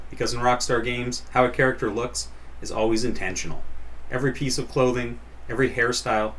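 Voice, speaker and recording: A man hosting a gaming channel, giving scripted video essay narration with a deliberate, emphatic delivery. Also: mid-range voice, a bit bright.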